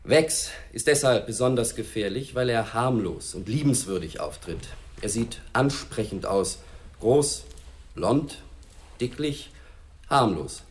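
A brusque police chief in a radio drama. He speaks in curt, commanding bursts with a dry, sardonic edge. His pitch sits in the middle. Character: brusque male police chief briefing a task force.

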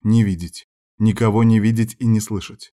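A man narrating a novel in a calm, even way, the steady reader of an audiobook. His voice sits a little low. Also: moderate pace. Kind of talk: scripted narration.

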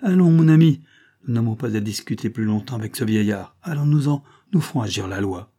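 A man's voice: mid-range voice, lively intonation, brisk, mellow. A man voicing a scheming woman in an audiobook, speaking in a coaxing, firm way. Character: scheming woman, the showman's wife.

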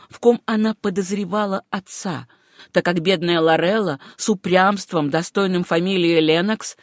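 A narrator reading a novel aloud with even, measured delivery. The voice sits at a middle pitch, and the recording is dry and close with no room sound. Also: no room sound. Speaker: audiobook narrator.

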